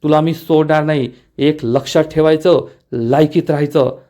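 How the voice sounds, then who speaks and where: A man's voice: fairly high pitch, steady tone, normal speed, mellow, lightly acted. A man reading the lines of a fierce young wife who is defending her husband.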